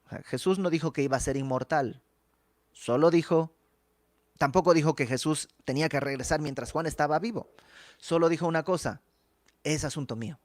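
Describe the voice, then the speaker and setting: A man's voice: on the high side, fairly quick, dry recording. A man teaching a verse-by-verse Bible study in a conversational way, acting out the dialogue of the text.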